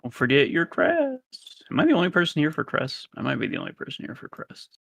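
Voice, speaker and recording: A man joking around in a gaming voice chat, self-mocking and quick to laugh. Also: on the high side, wildly swooping pitch, gravelly, fairly bright tone. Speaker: gamer in group voice chat. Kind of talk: casual gaming banter.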